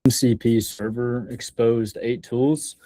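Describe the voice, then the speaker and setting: A young man giving a scripted software demo in a deliberate, measured, slightly halting way, as a developer presenting a project. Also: medium pitch, fairly even intonation, no room sound, rough recording.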